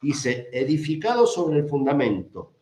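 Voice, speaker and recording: A man's voice: a little high, big pitch swings, unhurried, dark tone. A man preaching a sermon, emphatic, repeating phrases and answering his own questions. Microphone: camera mic. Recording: echoey room.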